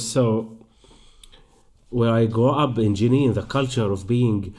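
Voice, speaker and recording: Low mellow-voiced Palestinian man. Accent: Palestinian Arabic. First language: Arabic. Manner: thoughtful, halting, many restarts. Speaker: actor and performer. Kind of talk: interview conversation.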